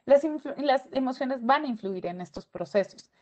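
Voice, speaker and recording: A woman giving an animated webinar lecture, often stopping to check in with her audience. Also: sits high, moderate pace. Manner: animated, asks checking questions, acts out student voices. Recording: dull lo-fi webinar audio.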